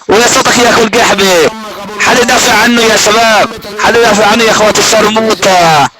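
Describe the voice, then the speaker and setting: Jeering Levantine man, fast and high. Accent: Levantine Arabic. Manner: repetitive, jeering, hurls abuse. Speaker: voice-chat room participant. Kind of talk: taunting insult rant. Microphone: phone in a voice-chat app. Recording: heavy background noise.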